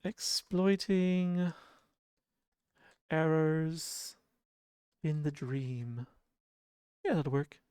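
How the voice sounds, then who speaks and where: A game streamer with a sleepy, medium-pitched voice chats softly and casually with his chat, relaxed and chuckling often. His tone is smooth and clean, and the close, dry desk mic picks up no room sound. Idle humming fills his pauses.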